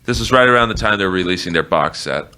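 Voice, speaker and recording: A man's voice: sits low, expressive, fast, bright, forceful tone, a little hiss or hum. A man appearing as a guest on a podcast, giving blunt, irreverent opinions in casual chat.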